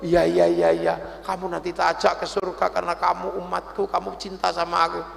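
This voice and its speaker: A preacher voicing a gentle prophet who speaks softly and reassuringly in a retold story. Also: male voice, high voice, a little slow, creaky, roomy sound, long reverb tail, pitched below the performer's own voice, full character voice. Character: gentle, loving male prophet.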